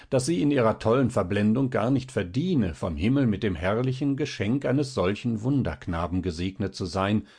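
Audiobook narrator guy, low voice, slightly breathy, measured storytelling. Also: a little mellow. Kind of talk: audiobook reading of a classic tale.

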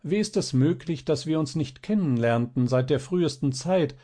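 A man's voice: fairly high pitch, animated, moderate pace, warm tone, voice pushed up. A man reading aloud and voicing a haughty noble lady who is secretly a fairy, speaking with an indignant edge. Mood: pleading. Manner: indignant, raised voice.

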